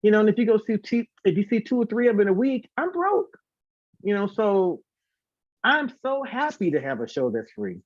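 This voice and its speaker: This interview guest, a singer who also organizes concerts, talks informally and at length, often repeating words for emphasis. His high-pitched voice is very animated at a moderate pace, and the recording is dry and muffled.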